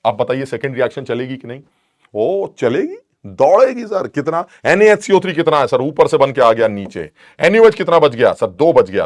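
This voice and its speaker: A man at an ordinary mid pitch teaches a chemistry lesson online, tossing rhetorical questions at his students. He slips in and out of playful student and teacher voices as he explains. The recording is close and dry, with no room sound. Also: no room sound. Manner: switches between teacher and student voices in dialogue.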